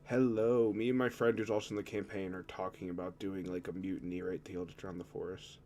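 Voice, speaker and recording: A man's voice: low voice, flat delivery, fast, heavy background noise. A man playing a tabletop game in casual chat, sounding stoned, with a rambling, profane stoner manner. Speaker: tabletop roleplaying player.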